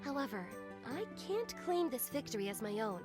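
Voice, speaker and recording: A woman's voice: fairly high pitch, sing-song, brisk. A woman voicing a noble, resolute young princess in a video game, speaking earnestly and formally. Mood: gracious, earnest. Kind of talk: video game heroine acting. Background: music.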